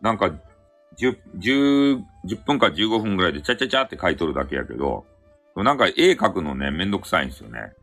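A man's voice: low voice, big pitch swings, a little fast, a bit bright, soft background music. A man with a Hakata dialect hosting a casual solo live audio chat, rambling and correcting himself, with chuckles along the way. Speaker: live audio stream host.

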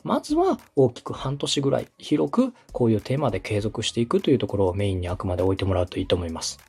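A podcast host and radio director from Osaka, Japan, advises a beginner, laying out polite, organized steps in a conversational style. His fairly low voice is very animated and fast, with a darkish, creaky, slightly rough quality.

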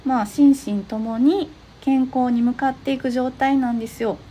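A young woman hosting an advice talk, explaining steps gently with frequent soft agreeing fillers. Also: sits high, fairly even intonation, normal speed, slight background noise. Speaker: podcast host giving advice to therapists.

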